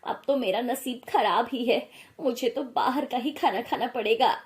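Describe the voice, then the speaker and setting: A sharp-tongued middle-aged mother-in-law, acted by a woman for an animated storybook, scolding and nagging without letup. Her voice sits fairly high and cuts through with scorn. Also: normal speed, lightly acted. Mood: self-pitying.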